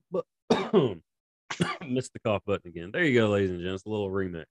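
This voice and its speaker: A man's voice: fairly low pitch, sing-song, normal speed, dry recording. A man co-hosting a casual sports podcast, rambling and laughing often as he talks. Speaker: podcast co-host.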